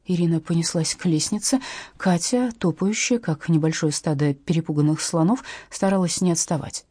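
A woman narrates an audiobook with lively, wide pitch swings and a husky tone. The sound is close and dry, with no room around her. Her reading is expressive throughout. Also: no room sound.

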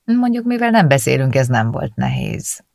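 A woman's voice: extremely low pitch, big pitch swings, creaky, darkish tone, dry recording, studio quality, full character voice. A woman reading an audiobook voices a chatty female friend who is apologetic at first, then blunt and outspoken. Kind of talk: audiobook character voice.

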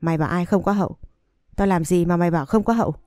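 Shrewish middle-aged mother in an audio story, spitting insults, read by a woman in a low, mellow voice; dry close sound. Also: very fast, no echo, close to an everyday voice. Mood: scolding. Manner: shrill scolding insults. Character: sharp-tongued abusive middle-aged mother.

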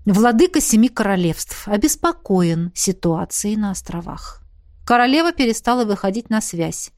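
A woman reading a calm, weary male dragon colonel with a dry, measured manner. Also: mid-range voice, no echo, natural voice. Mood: wry.

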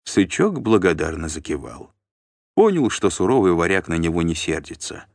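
A man narrating an audiobook in an expressive storytelling manner. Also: sits low, normal speed, gravelly, no room sound.

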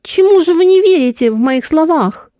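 A woman's voice: high-pitched, animated, normal speed, mellow, no echo, clean studio sound, pitched above the performer's own voice. A woman voicing a grief-stricken, guilt-ridden married woman, delivered in an emotional, pleading way. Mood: anguished.

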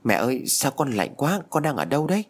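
Brief: frightened young girl, read by a man, husky. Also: mid-range voice, big pitch swings, quick pace, pitched above the performer's own voice. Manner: frightened, timid. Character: scared little girl, timid.

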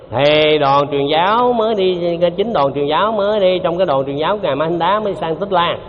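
A man giving a Buddhist dharma talk, conversational, repeating himself and quizzing his listeners. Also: fairly high pitch. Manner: conversational, repeats himself, asks the audience questions. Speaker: Buddhist teacher. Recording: dull lo-fi hall recording with faint noise.

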